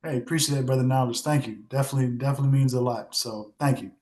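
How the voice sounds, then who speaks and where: A man's voice: mid-range voice, fairly even intonation, racing, a little mellow. A young man, a guest author, talking earnestly in a casual podcast conversation, leaning on many fillers and restarts. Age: young adult.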